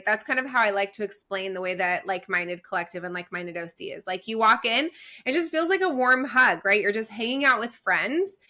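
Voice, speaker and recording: A woman in her thirties, from Israel, speaking as a podcast guest in an energetic, conversational way. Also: medium pitch. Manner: energetic, conversational, says "like" often. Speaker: guest, community founder. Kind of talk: podcast interview.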